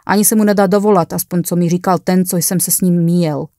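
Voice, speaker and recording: A woman's voice: fairly low pitch, fairly even intonation, dark tone, dry recording, clean studio sound, natural voice. A woman voicing a nervous young man on his first night shift in a morgue, who speaks in startled, hesitant bursts.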